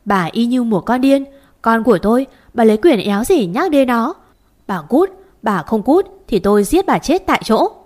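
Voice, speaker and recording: A woman voicing a fierce young daughter-in-law shouting in anger. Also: fairly high pitch, animated, normal speed. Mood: furious. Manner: sharp, shouting.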